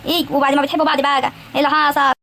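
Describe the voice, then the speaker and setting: A woman's voice: sits high, level tone, very fast, pushed and bright, slight background noise. A woman with an Egyptian accent voicing a bossy, caring young wife and older sister in a cartoon comedy, prying and giving advice. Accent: Egyptian Arabic. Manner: teasing, prying, advising. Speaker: voice actor in animated comedy. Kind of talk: animated cartoon acting.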